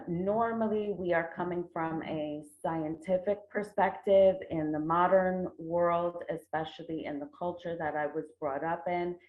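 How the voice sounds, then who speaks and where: A middle-aged American woman, a traditional medicine researcher, gives a formal academic conference presentation remotely from an indoor room. She has a lowish voice and phrases carefully with pauses, and the online call audio sounds roomy, tinny and phone-like.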